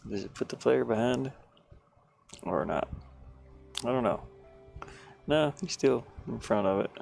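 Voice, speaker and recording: Faint music plays behind this man's creaky, mid-range voice as he streams himself building a game from his van. He speaks at a measured pace, thinking out loud and drifting off mid-sentence. The background noise stays steady throughout.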